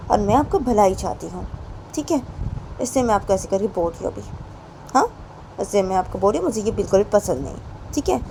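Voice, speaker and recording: A woman's voice: medium pitch, mellow, slight background noise, pitched above the performer's own voice, close to an everyday voice, poor audio. A woman voicing a young woman who pleads emotionally with her partner, repeating herself with rising insistence.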